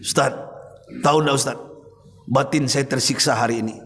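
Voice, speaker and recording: A man voicing a remorseful rich man in his seventies, confessing in a low pleading voice. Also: fairly even intonation, normal speed, a bit bright, lightly acted. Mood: tearful pleading. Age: 70s. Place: mosque hall. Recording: reverberant mosque hall.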